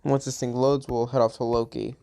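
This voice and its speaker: A gaming channel host with a mid-pitched, warm voice narrates his play briskly but in a flat way through a home mic. Slightly tired, he rambles and chats without a script, frequently restarting sentences or letting them trail away.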